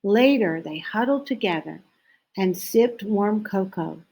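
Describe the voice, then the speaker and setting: Slow-paced woman reading a children's story. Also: mid-range voice, husky. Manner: slow, expressive storytelling with drawn-out phrases. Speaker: storybook reader. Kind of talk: children's story read-aloud.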